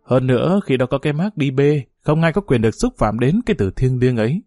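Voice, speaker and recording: A man's voice: mid-range voice, fairly quick, no echo, studio quality, faint music behind. A man narrating a novel as an audiobook, telling it expressively. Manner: expressive storytelling.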